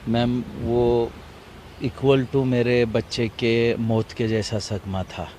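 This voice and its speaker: A grieving middle-aged father speaking in a halting, repetitive way during an outdoor TV interview. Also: medium pitch, level tone, darkish tone, a little hiss or hum. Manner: halting, grief-stricken, repetitive. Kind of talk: emotional TV interview.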